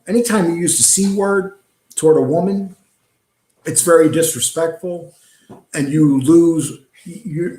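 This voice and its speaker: A man's voice: mid-range voice, mellow. A middle-aged man from New hosts a casual live stream, rambling and reading chat with frequent ums and uhs. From New York. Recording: echoey room.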